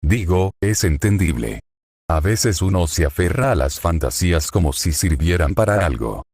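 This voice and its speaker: A man's voice: deep voice, sing-song, moderate pace, vocal fry, darkish tone, breathy edge, no room sound, heavily acted. A man reading as a bored, venomous villain. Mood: scornful. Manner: sweetly poisonous, weary disdain. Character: bored, venomous male villain who mocks.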